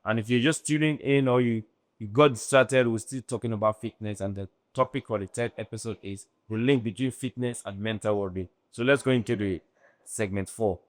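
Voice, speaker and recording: A man with a Nigerian accent hosting a casual podcast chat, halting and rephrasing his questions as he goes. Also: lowish voice, no echo, studio quality. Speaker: podcast host.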